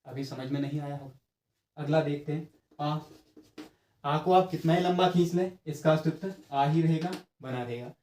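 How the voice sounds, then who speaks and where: A man's voice: on the high side, fairly even intonation, normal speed, darkish tone. A man giving an exam-prep grammar lesson, explaining step by step, checking in with his students and stretching sounds out to demonstrate them. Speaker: teacher. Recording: echoey room.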